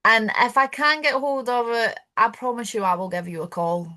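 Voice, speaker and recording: A woman co-hosting a casual wrestling podcast, giving brief, easygoing replies with quick laughs. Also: a little high, animated, sharp tone. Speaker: podcast co-host.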